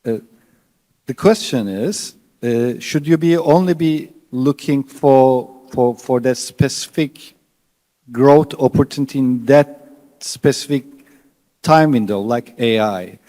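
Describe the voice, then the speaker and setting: On an investor panel, a fund manager explains his fund's strategy in earnest, his phrasing slightly non-native. His voice is medium-pitched and mellow, and he speaks slowly, with the sound of a big room around him.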